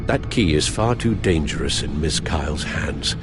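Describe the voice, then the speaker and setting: An actor playing a vigilante's loyal, concerned ally in a video game, earnest and questioning. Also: male voice, very deep voice, animated, normal speed, music in the background.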